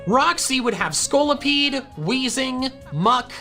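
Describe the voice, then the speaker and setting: A woman's voice: sits high, lively intonation, slow, pushed and bright. A woman reading a scripted explainer narration for a video, with music behind her. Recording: music in the background.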